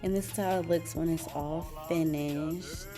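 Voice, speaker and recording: A woman with a fairly low voice vlogs from her apartment living room, talking casually and sassily to her viewers as she works. Soft music plays behind her. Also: fairly even intonation, a little slow. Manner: chatty, sassy, slangy asides to viewers. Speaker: vlogger. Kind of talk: casual home vlog, tutorial.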